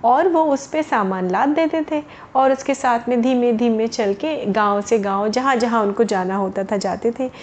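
A woman's voice: on the high side, normal speed, few pauses, a little mellow, slight background noise. A woman storyteller narrating a tale to children, explaining words as she goes and addressing them directly.

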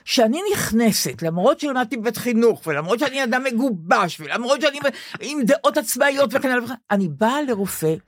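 A woman's voice: fairly high pitch, lively intonation, dry recording, studio quality. Older woman, emphatic self-mocking chatter. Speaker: podcast co-host. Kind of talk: casual chat.

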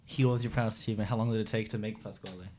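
A man's voice: lowish voice, steady tone, rapid-fire, dark tone, slight background noise. A man bantering casually as a comedy podcast co-host, teasing and prodding.

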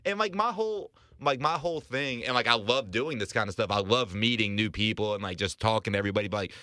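A man in his twenties, an arena host, telling a story in casual podcast chat, rambling with restarts and quick laughs. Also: fairly low pitch, sharp tone, dry recording, clean studio sound. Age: 20s.

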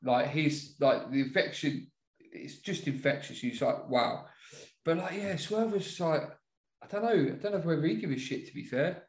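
A man's voice: fairly high pitch, animated, normal speed, darkish tone. A British man co-hosting a podcast in casual chat, rambling and sweary, recorded in an echoey room. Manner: sweary, rambling, often checking he is understood. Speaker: wrestling podcast co-host.

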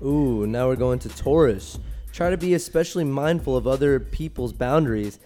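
A man's voice: medium pitch, animated, normal speed, dark tone, soft background music. A man co-hosting a radio show, joining in playful, upbeat banter and reading horoscopes. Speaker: radio co-host. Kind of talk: casual radio chat.

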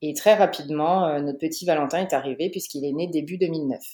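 A woman from the Paris region in her thirties, telling her family story as a podcast guest, with frequent pauses and fillers. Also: sits low, dark tone, roomy sound, slight background noise. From Paris region, France. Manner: hesitant, many "euh" fillers and restarts. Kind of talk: podcast interview, personal testimony.

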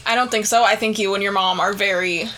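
A woman's voice: mid-range voice, fairly even intonation, brisk, noisy background. A young adult woman co-hosting a casual chat show, dropping short, wry, playful remarks. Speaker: podcast co-host.

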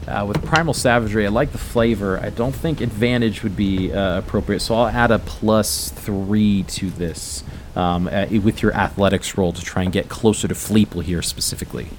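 Man, game master, lowish pitch, halting tabletop narration, faint noise.

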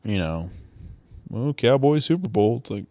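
Gravelly low-voiced man, crude banter. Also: very animated, moderate pace, warm tone, no echo. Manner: crude, joking, swears often. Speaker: podcast co-host. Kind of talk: casual profane chat.

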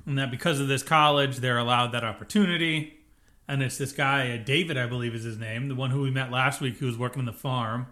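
Bright-voiced man recapping a show. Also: mid-range voice, fast. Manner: rambling, self-correcting, animated. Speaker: podcast co-host. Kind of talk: casual chat recapping a TV episode.

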